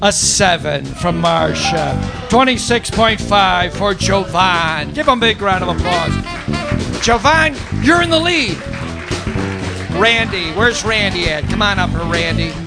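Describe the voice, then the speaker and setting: A man's voice: sits high, unhurried, creaky. A man emceeing a live open mic contest, playful and hyped as he works the crowd. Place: live venue with a band. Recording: loud guitar music behind the voice.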